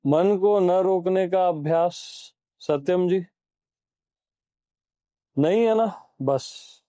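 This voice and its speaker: A high-pitched man leads a satsang discourse in a mellow, unhurried voice. He puts questions to his audience, repeats his key lines, and presses them to answer. He sounds like a spiritual teacher speaking to a gathering. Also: no echo. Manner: urges listeners on.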